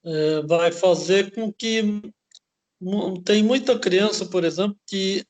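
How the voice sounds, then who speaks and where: A man hosting an interview, explaining at length in a halting way and often tagging his phrases with a questioning "né?". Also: high voice, a little mellow. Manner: slow, halting, ends phrases with "né?". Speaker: host.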